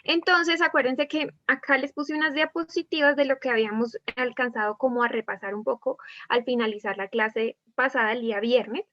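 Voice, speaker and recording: A woman teacher with a Colombian Spanish accent teaches an online class over a video call, asking her students many questions and acting out different tones of voice. Her voice is high-pitched, a bit bright and steady, at a moderate pace with few pauses and no echo, though the video call audio is dull and lo-fi.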